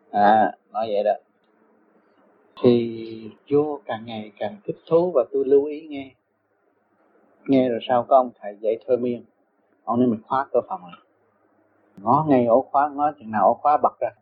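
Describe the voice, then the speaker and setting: An older man with a husky, breathy voice recounts his past in loose, chatty storytelling. He circles back over his words and chuckles now and then. The sound is narrow and phone-like. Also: mid-range voice, moderate pace, long pauses. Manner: rambling, repeats words, chuckles often. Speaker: interviewee. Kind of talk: casual storytelling. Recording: muffled phone-like recording.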